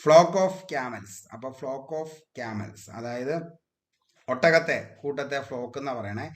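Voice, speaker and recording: A man's voice: medium pitch, slow pace. A man teaching an exam revision lesson, repeating each fact and asking questions he answers himself. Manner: drills facts by repeating them, asks then answers himself.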